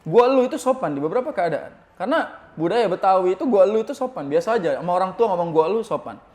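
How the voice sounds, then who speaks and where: A man preaching a religious study lecture, reading Arabic text slowly and then explaining it in a lively teaching tone with rhetorical questions. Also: high voice. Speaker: Islamic preacher.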